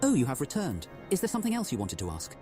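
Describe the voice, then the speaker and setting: A man's voice: fairly high pitch, huge pitch swings, fast, warm tone, soft background music. An actor playing a devout, wounded male knight who speaks in a stiff, proud and formal manner. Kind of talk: game voice acting.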